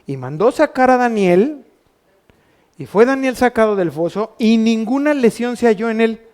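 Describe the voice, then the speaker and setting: A man's voice: very high-pitched, animated, moderate pace, darkish tone. A man with a Mexican Spanish accent preaching a sermon as pastor, asking the congregation rhetorical questions. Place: church.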